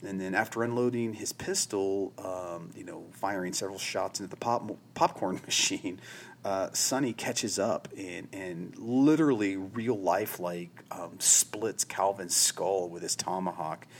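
A podcast host rambles casually through a TV episode recap, peppering it with "you know" and "like." His voice sits low and unhurried, with a little hiss or hum.

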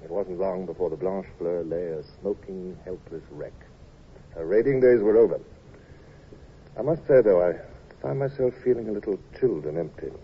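A dry, commanding naval commodore. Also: male voice, low-pitched, normal speed, husky. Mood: reflective. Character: commanding British naval commodore, measured and wry. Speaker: commodore and narrator. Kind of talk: 1950s radio drama acting. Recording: dull old radio recording with faint hiss.

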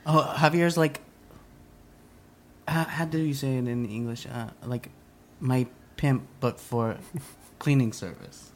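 A man voicing a nervous, evasive foreign housemaid in an improvised comedy sketch, speaking careful, halting English and searching for words. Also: medium pitch. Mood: flustered, evasive. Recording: noticeable background noise.

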